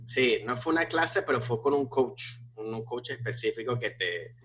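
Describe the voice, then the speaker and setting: A man's voice: mid-range voice, moderate pace. A man, a stand-up comedian, talking casually with lots of restarts and fillers. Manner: animated, many restarts and fillers. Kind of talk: casual conversation.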